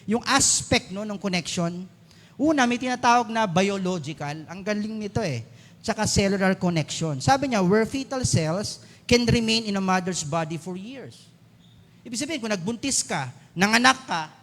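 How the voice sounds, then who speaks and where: A man with a Filipino accent preaching a lively Mother's Day sermon to his congregation in a church hall, switching between Filipino and English and calling for applause and amens. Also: very high-pitched. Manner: lively, mixes English into Filipino, asks the congregation to clap and say amen. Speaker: pastor.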